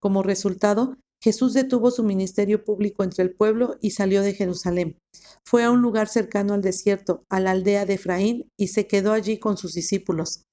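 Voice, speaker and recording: A woman giving a steady, measured reading of a Bible passage. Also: mid-range voice, dull audio. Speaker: scripture reader.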